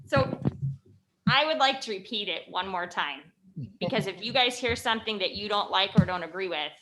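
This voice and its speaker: A woman speaks in a public meeting, spelling out legal wording deliberately so everyone can follow. Her tone is bright and forceful, and she sounds at a middle pitch. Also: expressive, rough recording. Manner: careful, reads legal wording slowly.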